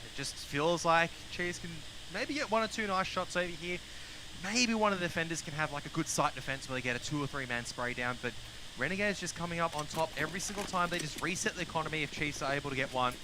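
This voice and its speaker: A man's voice: on the high side, fast talker. A man with an Australian accent commentating a live video game match in a laconic drawl. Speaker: esports commentator. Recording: clear game noise, gunfire and vehicles behind.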